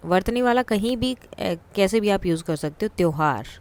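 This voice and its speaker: A woman teacher explaining a worksheet in a patient way, repeating words slowly for her students. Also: medium pitch, animated, darkish tone.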